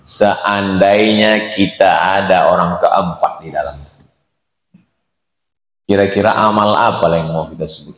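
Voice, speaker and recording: A man giving a sermon, reciting Arabic phrases and translating them with animated, sudden jumps in pitch. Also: unhurried. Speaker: Islamic preacher. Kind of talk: sermon teaching a hadith. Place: large echoing hall at a dawn gathering. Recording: roomy hall reverb.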